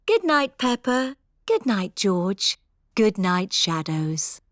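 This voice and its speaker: Slow, gentle British mummy pig. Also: female voice, mid-range voice, very animated, noisy background. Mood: soothing, playful. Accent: British English. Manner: soothing, playful. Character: gentle, playful mother pig in a preschool cartoon. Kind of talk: British preschool cartoon voice acting.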